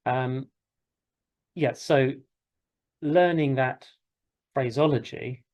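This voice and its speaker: A British helicopter flying instructor hosts an informal classroom session, his medium-pitched, darkish voice drawing out words. He rambles and hesitates, yet stays encouraging throughout.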